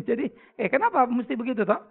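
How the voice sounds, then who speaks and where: A middle-aged pastor, his voice pitched high and rough with a gravelly edge. He preaches in a blunt, joking storytelling way, loud one moment and hushed the next. The sound is tinny and narrow, like a phone line. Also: big pitch swings, fairly quick. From North Sumatra, Indonesia. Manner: blunt, joking storyteller, swings between loud outbursts and quiet confession. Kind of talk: sermon with audience Q&A. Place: church hall before a congregation.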